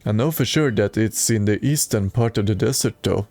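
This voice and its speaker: A man's voice: on the low side, moderate pace, darkish tone, soft background music. A man streaming a video game and reading its dialogue aloud in a plain way, with occasional stumbles.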